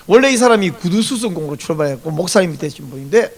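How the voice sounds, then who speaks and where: A male pastor preaching a Sunday sermon with a high, gravelly voice. His pitch swings widely as he tells stories. He slips into little voices to act out conversations. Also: fast. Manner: animated storytelling, acts out dialogue in varied voices.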